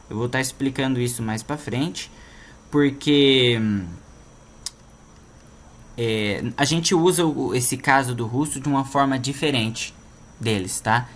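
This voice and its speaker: A man's voice: mid-range voice, a bit bright. A man with a Brazilian Portuguese accent, teaching a language lesson online and explaining patiently, often checking in with his listeners.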